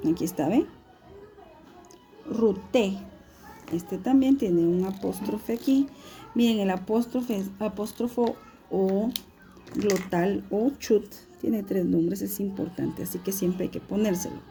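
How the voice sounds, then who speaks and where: A woman's voice: medium pitch, measured pace, mellow. A woman teaching a recorded video lesson, explaining patiently and asking her students questions.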